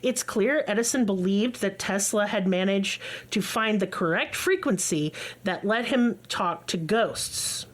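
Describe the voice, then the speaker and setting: A woman hosting a podcast, telling a story in casual chat, blunt and excitable, with swearing. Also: medium pitch, unhurried, hardly any pauses. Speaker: podcast co-host.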